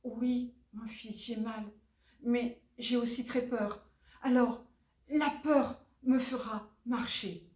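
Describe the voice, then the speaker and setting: A woman voicing a sick, frightened mother fish who moans in high wails, in a roomy, distant recording. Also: fairly even intonation, slow pace, darkish tone. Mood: weary.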